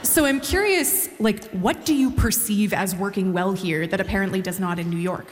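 A woman's voice: medium pitch, normal speed. A woman interviewing a guest on stage, asking long, thoughtful questions. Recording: reverberant hall.

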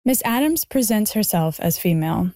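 A woman's voice: medium pitch, expressive, moderate pace, darkish tone, no room sound, studio quality. A woman reading a document aloud in a formal, clinical manner. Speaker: reader of a letter.

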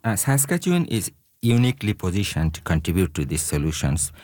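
A man from Bangladesh, a researcher guest on a radio interview, speaking haltingly with many fillers. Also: deep voice, sing-song, darkish tone, no room sound, clean studio sound.

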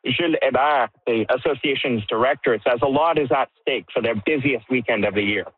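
A man's voice: mid-range voice, fairly quick. Male street reporter, live news hit, tinny phone-line sound. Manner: steady, plain reporting with short listed phrases. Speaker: field reporter. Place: outdoor street setup site.

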